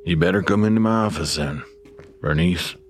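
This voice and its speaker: A man playing a gruff, deep-voiced sheriff. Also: moderate pace, close to an everyday voice. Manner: brusque, commanding. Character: gruff, tired middle-aged male sheriff.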